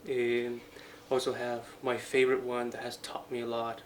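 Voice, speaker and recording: The speaker, a Franciscan friar from Colombia who is also learning to paint, is a man in his twenties. He offers personal reflections in an interview, his medium-pitched voice steady but halting, coming out in short phrases amid audible ambient noise.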